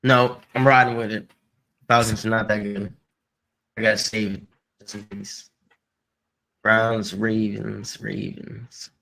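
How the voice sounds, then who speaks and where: A man with a bright, forward voice talks sports like a frat bro, tossing in slang. He sounds like a casual podcast co-host bantering with his buddies. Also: fairly low pitch, level tone, takes it slowly, vocal fry, long pauses, low-quality recording.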